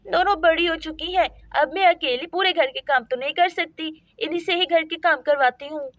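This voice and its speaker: A woman's voice: very high voice, normal speed, a bit bright, no room sound, muffled recording. A woman voicing a stern mother who scolds and threatens her two daughters in a doll story. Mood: scolding.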